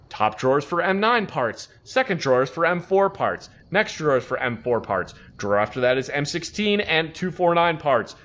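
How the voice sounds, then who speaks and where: A man casually telling an animated, profane story about his army days, acting out the people he quotes. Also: on the high side, muffled recording. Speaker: army veteran telling stories.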